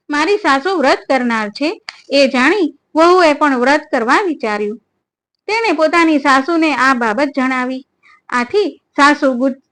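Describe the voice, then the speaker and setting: High-voiced woman narrating devotional tales. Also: a bit bright.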